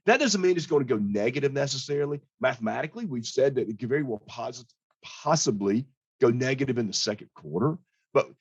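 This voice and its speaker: A financial advisor with a hoarse, medium-pitched voice gives a client a casual update, plain-spoken and conversational. The audio is dull, with no room sound.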